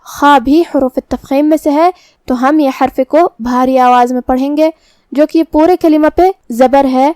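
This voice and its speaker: High-voiced woman teaching recitation. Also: no echo, clean studio sound. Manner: calm, explaining each letter step by step. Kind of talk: tajweed lesson with slow recitation.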